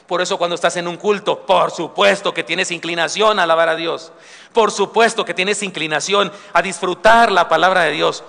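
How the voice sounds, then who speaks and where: Pastor preaching in a reverberant hall. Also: male voice, high-pitched, steady tone, normal speed, creaky, sharp tone. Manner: conversational preaching, with asides and humor. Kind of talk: sermon. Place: church sanctuary. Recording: live church recording with long hall reverb.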